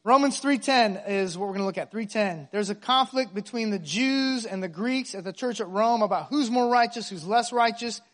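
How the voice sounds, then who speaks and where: A middle-aged pastor with a high voice preaches from the pulpit mid-sermon, speaking emphatically at normal speed with few pauses. He keeps putting rhetorical questions to his congregation.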